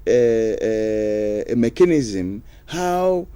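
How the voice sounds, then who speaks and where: A man's voice: lowish voice, very animated, drawn-out words, warm tone, clear, resonant tone. A man answering interview questions as a studio guest, hesitant with many fillers. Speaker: studio guest, youth program official.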